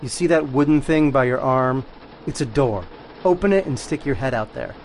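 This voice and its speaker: Exasperated wife played by an actress, noisy background. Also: female voice, very deep voice, normal speed, darkish tone. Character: exasperated wife in a car, turning frantic. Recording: car and rain noise behind.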